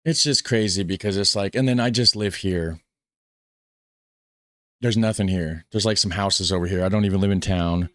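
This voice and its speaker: A man's voice: deep voice, fairly even intonation, normal speed, fairly bright tone. An American man giving casual, folksy reaction commentary on a video, often repeating himself. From United States.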